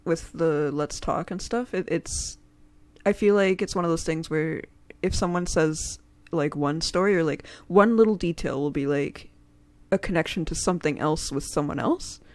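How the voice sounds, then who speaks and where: A woman's voice: low voice, normal speed, darkish tone, no room sound. A woman hosting a casual stream chat, rambling with many fillers and frequent giggles. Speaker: streamer and host.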